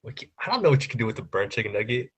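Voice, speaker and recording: A teenage boy guesting on a school podcast, chatting in an easygoing, slangy and excitable way. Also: medium pitch, rapid-fire, breathy edge. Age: teens. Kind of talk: casual chat.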